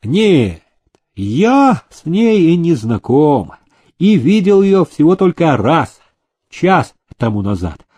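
A man voicing a proud, hot-tempered rich older suitor who speaks imperiously and breaks into shouts, in a storybook reading. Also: fairly high pitch, big pitch swings, slow, breathy edge, pitched above the performer's own voice, full character voice. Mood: eager.

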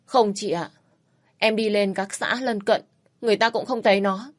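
A woman voicing an anxious young woman who answers quickly and eagerly, in a storybook reading. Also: medium pitch, steady tone, lightly acted. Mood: worried. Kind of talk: storybook narration.

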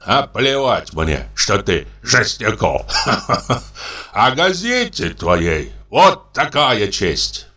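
A man voicing a drunken, swaggering masked man who mocks everyone and laughs loudly. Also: on the low side, sing-song, very slow, exaggerated voice. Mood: jeering swagger. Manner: boisterous, mocking, laughs loudly.

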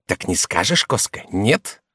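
A man's voice: fairly low pitch, sing-song, unhurried, a bit bright, breathy edge, no room sound, clean studio sound, heavily acted. A man reading an audiobook and voicing a spiteful, vengeful woman who speaks in a cold, needling way.

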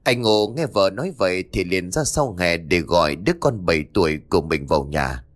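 A man narrating a horror story in a dramatic, expressive way. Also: low-pitched, fairly quick.

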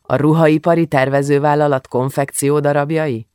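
A man voicing a chatty adult woman librarian in an audiobook, with a raised, lively voice. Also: fairly high pitch, clear, resonant tone, no echo, studio quality, lightly acted. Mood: dismissive.

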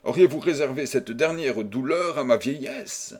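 A man's voice: medium pitch, expressive, moderate pace, darkish tone, breathy edge. Stern solemn old baron dad, read by a man, reproachful.

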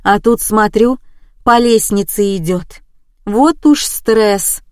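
A woman's voice: mid-range voice, slow pace, clean tone, no room sound, studio quality, natural voice. A woman doing a fretful, motherly older woman. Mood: flustered. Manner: soft, sighing and motherly.

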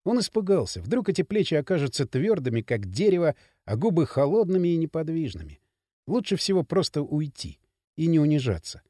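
A man reading an audiobook in an expressive narration style. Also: no room sound, studio quality. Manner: expressive reading with quick pitch swings. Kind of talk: scripted narration.

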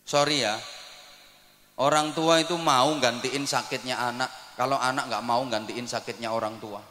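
A man with an East Javanese accent preaching a sermon to a hall audience, swinging from soft asides to shouting. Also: mid-range voice, steady tone, normal speed. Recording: echoey hall reverb.

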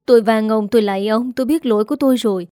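A woman's voice: on the high side, normal speed, mellow, no echo, studio quality, close to an everyday voice. A woman reading a storybook part of a middle-aged mother who begs tearfully for forgiveness. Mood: begging. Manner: begging, tearful.

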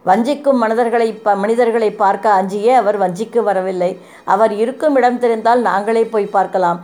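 A woman's voice: medium pitch, fairly even intonation, moderate pace, a little mellow, lightly acted. A loyal male companion, weighed down by grief, recounts what he saw in an earnest, sorrowful voice, as a woman reading the tale speaks his part. The voice stays close to her plain reading tone.

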